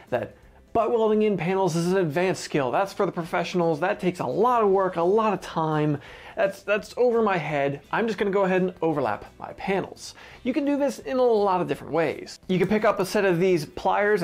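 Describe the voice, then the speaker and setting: A man's voice: a little high, a little mellow. A young man teaching auto body sheet metal work straight to camera, earnest and emphatic, in an indoor garage studio. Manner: earnest, emphatic, direct advice to viewers. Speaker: auto body fabrication instructor. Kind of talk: instructional video talk to camera.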